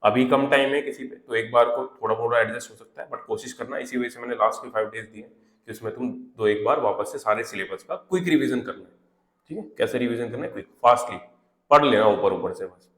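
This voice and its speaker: A man's voice: medium pitch, a bit bright. A man giving exam preparation tips in a casual, conversational way, often adding little check-in fillers. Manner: conversational, repeats fillers like "theek hai" and "hai na"; reads English notes aloud slowly, word by word. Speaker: exam prep teacher. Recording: echoey room.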